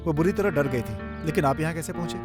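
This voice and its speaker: A man's voice: on the high side, quick pace, close to an everyday voice. A man dubbing an anxious young husband in a film, polite and stammering with fillers. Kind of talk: Hindi film dub. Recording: film soundtrack with music.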